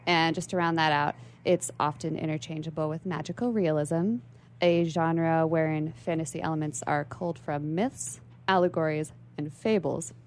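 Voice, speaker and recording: A young woman being interviewed on the radio delivers a prepared, bookish explanation in long, articulate sentences from the station's studio. She speaks at a normal speed with a low, steady voice, and there is slight background noise.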